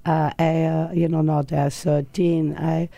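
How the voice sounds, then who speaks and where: Older woman, dark dry voice. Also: low voice, little pitch movement, measured pace, creaky, dry recording. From Austria. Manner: rambling, with many fillers and restarts. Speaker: interview guest. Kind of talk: casual interview conversation.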